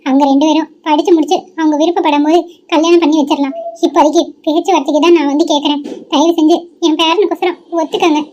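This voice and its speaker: A woman's voice: sits high, steady tone, fast talker, warm tone, a little hiss or hum. A woman voicing a polite elderly grandmother who asks for a bride for her grandson. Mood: pleading. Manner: polite, pleading. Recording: dull lo-fi sound.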